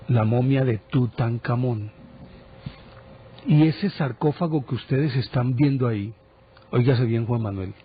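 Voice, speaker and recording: A man presenting a TV program, telling a history story casually with lively asides. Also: medium pitch, a little hiss or hum. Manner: animated storyteller, chatty asides. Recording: dull broadcast audio.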